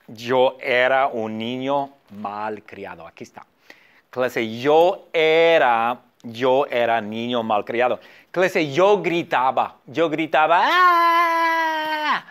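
A man teaching a beginner language class through a story, animated and prompting students to repeat after him. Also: mid-range voice, takes it slowly. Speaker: Spanish teacher.

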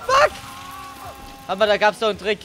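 A man commenting on his own gameplay with loud, crude outbursts and jokes. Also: high-pitched, huge pitch swings, normal speed, faint music behind. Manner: loud, swearing, explosive outbursts. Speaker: let's play gamer. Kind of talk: let's play commentary.

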